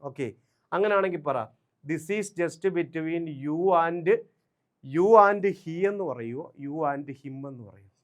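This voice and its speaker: A man gives an exam-prep grammar lesson, drilling examples one after another. He speaks slowly in a fairly high voice and keeps stopping to quiz the listener. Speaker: English exam coaching teacher.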